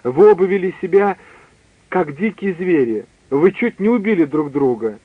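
A man's voice: high voice, expressive, moderate pace, breathy edge, no room sound. A man reading aloud who voices an anxious young Englishwoman who scolds two men. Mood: reproachful. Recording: dry tinny phone-like line.

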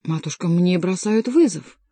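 Hysterical raging king, read by a woman, shrill and pitched up, dark dry voice. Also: lively intonation, moderate pace, slightly rough, no room sound. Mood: aggrieved. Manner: shrill, overwrought outbursts. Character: hysterical, raging male king, middle-aged.

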